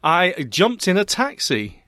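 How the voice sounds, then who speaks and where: A man with a Bristol West Country accent and a fairly high voice that swings widely in pitch. He co-hosts casually, with playful, theatrical exclamations, recorded dry and close. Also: sing-song, slow, pushed and bright, dry recording. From Bristol, England. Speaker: podcast co-host. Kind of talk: casual banter.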